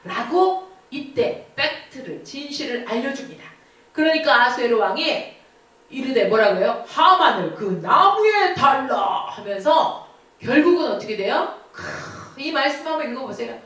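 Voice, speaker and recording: Animated woman preacher in an echoey church. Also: sits high, moderate pace. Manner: animated, asks the listeners questions. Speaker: youth group preacher. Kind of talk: storytelling sermon. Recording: echoey church hall from far off.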